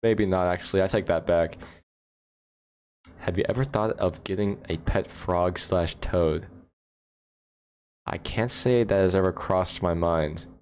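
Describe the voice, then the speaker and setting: A man's voice: low-pitched, a little slow, long pauses, darkish tone, slight background noise. A man from the United States chatting casually on a livestream, rambling, laughing often and answering chat questions, recorded on a phone indoors. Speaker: livestream host.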